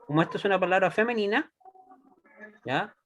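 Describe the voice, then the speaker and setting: A man teaching a Hebrew class, patient and deliberate, often checking that students follow. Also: high-pitched, expressive, fairly bright tone. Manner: patient, checks understanding with frequent "¿ya?"; slow and deliberate, repeats words for students. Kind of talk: classroom lesson.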